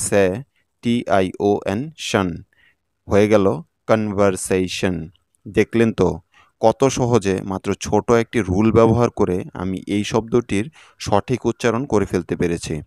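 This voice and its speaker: A man teaching English pronunciation in a video lesson, spelling words out slowly and carefully syllable by syllable. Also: lowish voice, a little mellow, no echo, studio quality.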